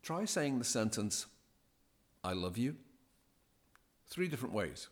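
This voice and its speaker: A man speaking as a podcast guest, giving deliberate, emphatic advice as a DJ coach. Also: mid-range voice, very animated. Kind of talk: measured, scripted-sounding advice.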